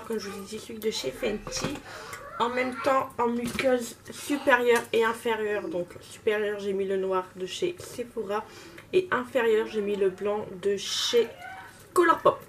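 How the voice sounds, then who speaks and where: Woman beauty vlogger, self-mocking and relaxed, casual tutorial talk; distant mic, noisy room. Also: a little high. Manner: chatty, self-mocking, talks while working. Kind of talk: casual makeup tutorial chat. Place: home, at a makeup table.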